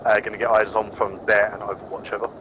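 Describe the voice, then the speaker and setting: A man's voice: lowish voice, flat delivery, fast. A man giving clipped, formal call-sign reports over a game radio with bursts of static. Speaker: squad leader radioing in. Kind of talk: military radio procedure in an online war game.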